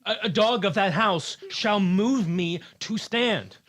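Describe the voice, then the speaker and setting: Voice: medium pitch, slow, fairly bright tone. A reader playing a boastful young male servant, hesitant with fillers, in an amateur script reading.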